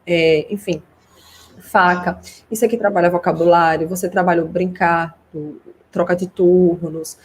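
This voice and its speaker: A woman's voice: lowish voice, fairly even intonation, normal speed, slightly rough. A woman host and speech therapist giving a casual, reassuring consultation over a video call, talking freely with lots of fillers. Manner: chatty, reassuring, many fillers like "né".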